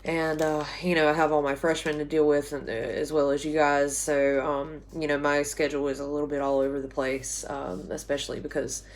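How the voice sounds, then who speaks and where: Slightly hoarse from a sore throat, a low-voiced woman in her twenties who teaches college writing rambles through a class update. She's chatty, full of ums and restarts, filming herself indoors in a small bedroom with a phone held at arm's length.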